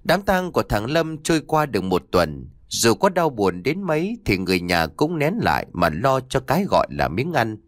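A man narrating a spoken story, his voice rising and falling in a lively, dramatic sweep. The recording is dry and close, with no room sound. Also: mid-range voice, moderate pace, hardly any pauses, no echo. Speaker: audiobook narrator.

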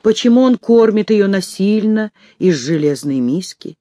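A man narrating a first-person audiobook in a tense, measured storytelling manner. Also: high-pitched, animated, mellow, no echo, clean studio sound. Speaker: audiobook reader.

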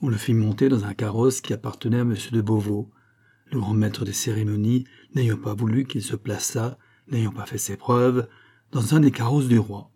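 A man narrating a classic novel as an audiobook in an even, steady storytelling manner. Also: on the low side, moderate pace, husky. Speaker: audiobook reader.

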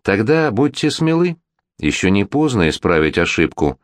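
A man's voice: fairly low pitch, very animated, normal speed, dry recording. A man reading a gallant, insistent prince regent. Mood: earnest. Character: worldly, flirtatious middle-aged male prince regent.

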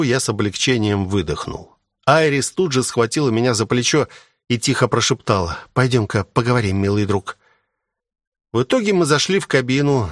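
A man reading a first-person adventure audiobook with steady dramatic storytelling. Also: mid-range voice, dry recording, clean studio sound. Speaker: audiobook narrator.

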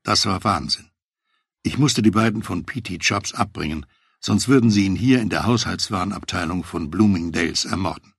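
A man narrating a memoir audiobook in a steady, matter-of-fact first-person voice on a close mic. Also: low voice, moderate pace, vocal fry, slightly rough, no echo.

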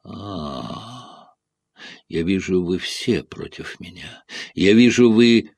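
Male reader doing frightened foreign traveller, shrill and insistent, husky edge, pitched up from his low voice, dry recording. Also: animated, slow, a little mellow, dry recording, heavily acted. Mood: panicked. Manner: shrill, insistent, repeating himself. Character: frightened foreign man, panicky and pleading.

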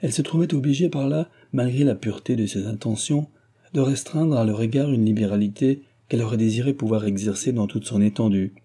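Reading a classic novel as an audiobook, a man narrates in an even, measured way, his medium-pitched voice carrying a slight roughness.

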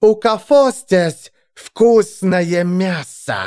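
A man's voice: high voice, drawn-out words, darkish tone, smooth, voice pushed up. A man voicing a ferocious monstrous warrior woman who growls and menaces, in an audiobook. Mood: menacing.

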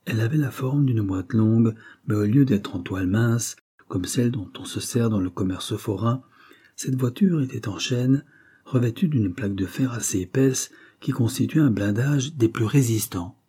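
A man reading a novel aloud in steady, even narration. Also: mid-range voice, normal speed, breathy edge. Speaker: audiobook narrator.

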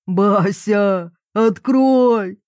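A woman voicing a jealous, hot-tempered middle-aged military father who blusters and growls low. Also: fairly even intonation, unhurried, dark tone, no room sound, clean studio sound. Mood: roaring. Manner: gruff, blustering, dropping to a low menace.

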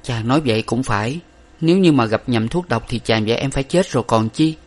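A man voicing a tearful, devoted young woman in an audiobook of an old novel, pleading and gentle. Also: mid-range voice, expressive, fairly quick, voice pushed up, natural voice. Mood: tender.

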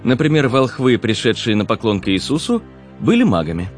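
A man narrating an audiobook in an even storytelling delivery. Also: mid-range voice, a little fast, soft background music.

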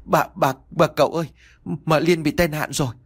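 A man's voice: fairly high pitch, steady tone, normal speed, husky, pitched above the performer's own voice. A man voicing a panicked young female servant who stammers badly. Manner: stammering, frantic.

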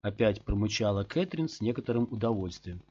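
A man with a low voice narrates an audiobook in a steady, measured way. The recording is dull and lo-fi. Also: breathy edge. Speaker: audiobook reader.

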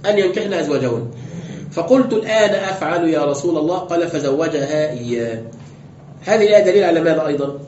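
A man's voice: fairly high pitch, expressive, fast talker, a little mellow. A man teaching as a sheikh in a classroom lecture, explaining step by step and asking rhetorical questions. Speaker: sheikh teaching tafsir and fiqh. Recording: dull roomy lecture recording, faint noise.

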